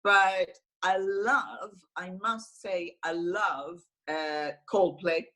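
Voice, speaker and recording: A woman in her forties with an Israeli accent, a singer-songwriter talking slowly and thoughtfully on a video call interview. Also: on the low side, steady tone, bright, forceful tone. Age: 40s. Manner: slow and thoughtful, with frequent restarts and laughs. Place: small room at home, indoors.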